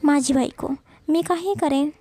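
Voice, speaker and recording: Young husband in a love story, voiced by a woman, doting, teasing, high mellow voice, dry close sound. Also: normal speed, no echo, natural voice. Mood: irritated. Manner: playful, doting.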